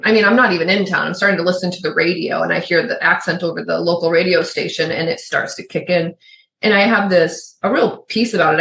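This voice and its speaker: A middle-aged woman from Michigan's Upper Peninsula, her Yooper accent faint and suppressed, co-hosts a podcast in rambling, casual chat full of restarts and asides. Her voice is fairly low and a bit bright, and the recording has a roomy echo with a little hiss or hum.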